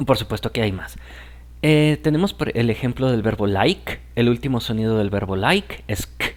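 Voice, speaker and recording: A man's voice: mid-range voice, expressive, moderate pace. Man patiently teaching, checking in often. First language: Spanish. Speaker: English teacher. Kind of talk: explaining grammar lesson.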